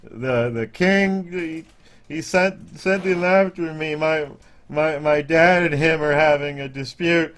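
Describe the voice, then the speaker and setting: A man's voice: on the high side, measured pace, fairly bright tone, voice pushed up. A man voicing a scared, injured boy of about nine or ten who stammers through tears. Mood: frightened. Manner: stammering, tearful.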